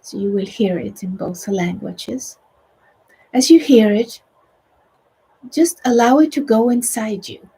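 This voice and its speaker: Guiding a meditation with spiritual teaching, this middle-aged Swedish-accented woman, a native Swedish speaker, talks slowly with long pauses. Her voice is on the high side, soft and soothing with a breathy edge, often sinking to a whisper, and the recording is rough.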